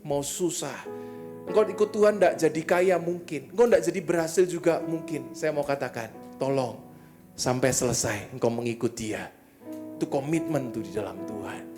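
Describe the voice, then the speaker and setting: A man preaching a sermon, telling a story with lively acted-out sounds and speaking straight to his congregation. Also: medium pitch. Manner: warm direct appeals to the congregation. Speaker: pastor. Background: soft guitar playing.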